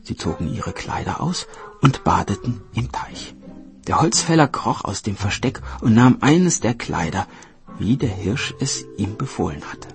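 A man narrating a fairy tale in an expressive, lively reading style. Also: on the low side, measured pace, creaky, faint music behind. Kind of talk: storybook narration.

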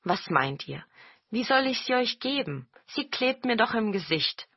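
A woman's voice: fairly high pitch, very animated, a little slow, breathy edge, no room sound, voice pushed up, heavily acted. Woman doing modest old villager, mild, slightly raised voice, storybook, dull sound. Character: humble old village man.

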